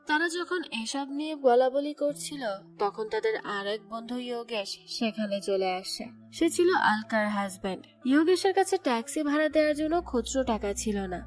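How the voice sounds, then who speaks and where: A woman narrating a movie plot as a steady, scripted storytelling recap. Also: fairly high pitch. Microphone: voice-over. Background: soft background music.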